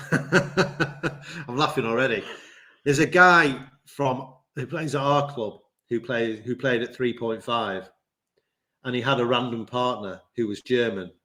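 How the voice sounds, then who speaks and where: A man co-hosting a sports podcast, relaxed and laughing at his own stories. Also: medium pitch, measured pace. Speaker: podcast co-host. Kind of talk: casual podcast chat.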